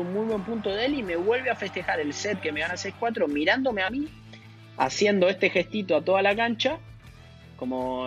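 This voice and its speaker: A man with an Argentine Spanish accent, a tennis player telling a story in a casual interview, with hesitant restarts. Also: high-pitched. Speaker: guest, professional tennis player.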